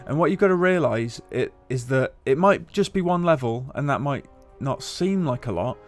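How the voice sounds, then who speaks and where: A man, co-hosting a casual chat over gameplay footage, relaxed and chatty with casual swearing. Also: mid-range voice, moderate pace, soft background music. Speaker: games journalist, co-host.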